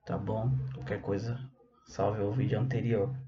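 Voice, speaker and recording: A man's voice: on the low side, level tone, measured pace, noisy background. A man giving a casual Torah lesson, talking conversationally and often checking in with his listeners. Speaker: Torah teacher. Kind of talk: casual teaching talk. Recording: dull lo-fi recording.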